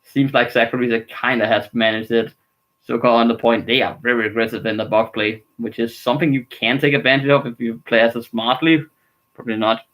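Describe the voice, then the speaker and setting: A man's voice: medium pitch, steady tone, a little fast, fairly bright tone, rough recording. Male streamer, casual live hockey reactions, rambling and frustrated with his team, mid-range voice. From Denmark.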